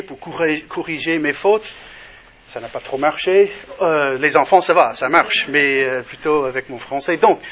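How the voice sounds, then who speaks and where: A middle-aged man with a non-native French accent giving a personal testimony talk to an audience, halting, with many restarts and fillers. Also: on the high side, fairly bright tone, slight background noise. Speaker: speaker. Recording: dull lo-fi recording.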